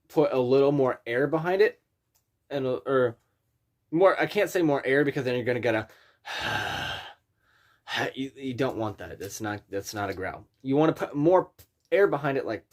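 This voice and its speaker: Male vocal coach, mid-pitched, informal and halting, talking through technique in a loose tutorial style. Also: animated. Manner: informal, rambling, halting explanations. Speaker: scream vocal instructor. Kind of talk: casual spoken tutorial with vocal demonstrations.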